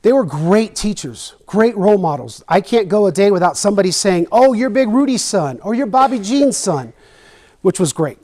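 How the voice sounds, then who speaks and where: A man's voice: high voice, a little mellow. A middle-aged man from Texas, an educator telling a personal story in a presentation, earnest and emotional, repeating phrases for emphasis.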